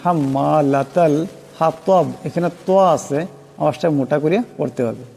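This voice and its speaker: A man teaching Quran recitation, spelling out each word and chanting the verses slowly. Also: a little high, gravelly, mellow, breathy edge, big-room sound. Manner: slow melodic chanting of verses, quick plain explaining.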